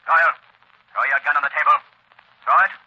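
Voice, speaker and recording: An actor playing a mysterious, menacing unseen crime fighter in an old radio drama, commanding and theatrically taunting. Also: male voice, fairly high pitch, fairly even intonation, fairly quick, slight background noise, close to an everyday voice. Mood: stern command. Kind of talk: 1940s radio drama acting. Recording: dull old radio recording.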